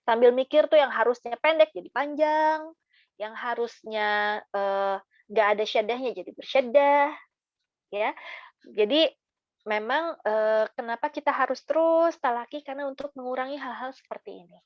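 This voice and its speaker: Brief: woman recitation teacher, slightly high voice, chatty with fillers, dry muffled recording. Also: dry recording. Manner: chatty, demonstrates recitation slowly, frequent fillers. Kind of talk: casual tajwid lesson.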